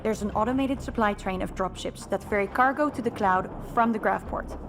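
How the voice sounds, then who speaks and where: Over music, an actress with a mid-range, fairly everyday voice speaks a little fast. She plays a level-headed, resolute female rebel leader in dramatic video game dialogue, sounding matter-of-fact, commanding and businesslike.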